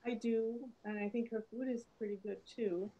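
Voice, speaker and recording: A woman on a video call in an online class, soft-spoken and a little hesitant. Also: fairly high pitch, steady tone, normal speed, poor audio. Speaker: class participant. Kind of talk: introducing herself on a video call.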